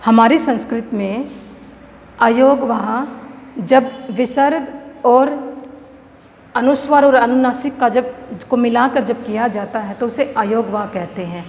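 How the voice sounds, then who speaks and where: A woman with a Haryanvi accent teaching a grammar lesson, explaining step by step and often checking whether it is clear. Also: on the high side, a little mellow. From India. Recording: echoey room with long reverb, faint noise.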